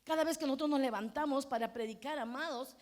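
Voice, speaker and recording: A middle-aged woman pastor, preaching a sermon, shifting between hushed prayerful passages and loud fervent cries. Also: high-pitched, fast.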